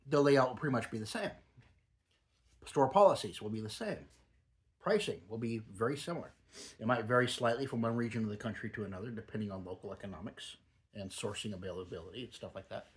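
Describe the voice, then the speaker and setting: A middle-aged or older man, a grandfather, rambles casually like a home product reviewer with a lip full of dip. His voice sits fairly low and he talks fast.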